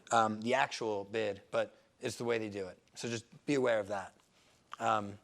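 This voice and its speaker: A man's voice: mid-range voice, gravelly. A man talking casually at a seminar as a real estate investor, conversational and rambling, full of fillers and restarts.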